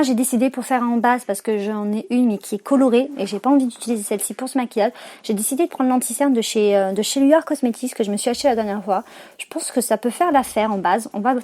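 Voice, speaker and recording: A woman's voice: fairly high pitch, mellow. A young woman chatting casually through a makeup tutorial, slangy and full of fillers and self-corrections. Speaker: beauty vlogger.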